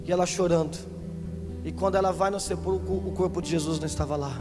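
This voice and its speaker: A pastor preaching a sermon in church, moving from quiet teaching to impassioned shouting. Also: male voice, sits high, steady tone, fast. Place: large church. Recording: live church recording with long hall reverb and music.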